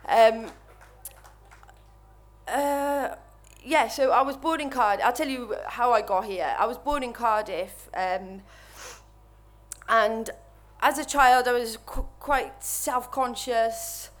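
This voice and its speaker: A woman in her thirties with a Welsh accent, nervously telling her recovery story to an audience at a microphone, halting and full of restarts. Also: on the high side. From Wales. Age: 30s. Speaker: speaker sharing recovery story. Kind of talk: personal testimony to an audience. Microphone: microphone while standing before an audience.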